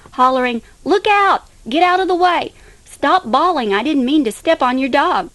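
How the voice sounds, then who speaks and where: A woman's voice: fairly high pitch, no echo, poor audio. Woman narrator, dry studio read. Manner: steady, unhurried reading of a nostalgic memoir. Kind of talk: scripted storytelling narration.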